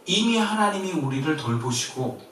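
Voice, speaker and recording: A Korean man preaching in a very echoey church, picked up from a distance with faint ambience behind him. His voice moves lively up and down, from emphatic declarations to hushed, gentle words of comfort. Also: on the high side, normal speed, a little hiss or hum. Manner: lively, shifts between loud and soft, quiet gentle quoted comfort. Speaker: pastor. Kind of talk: sermon. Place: church sanctuary.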